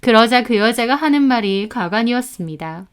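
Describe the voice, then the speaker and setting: Woman reading out a drama story, kinda high voice, really smooth and clean. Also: animated, normal speed. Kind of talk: scripted story narration.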